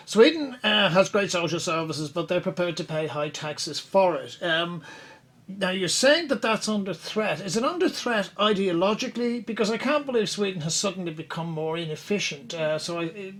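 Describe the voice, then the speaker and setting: A man's voice: high voice, normal speed, a bit bright. A middle-aged man hosting a casual interview, chatty and often hesitating with fillers. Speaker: radio show host.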